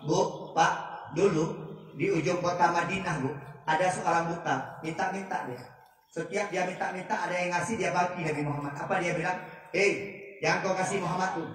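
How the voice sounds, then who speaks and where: A man's voice: high-pitched, steady tone, brisk, a bit bright, slight background noise. A man preaching a humorous sermon, telling stories and talking straight to the audience. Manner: joking, storytelling, addresses audience as Pak, Bu. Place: large hall with audience. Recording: echoey hall, distant mic, crowd.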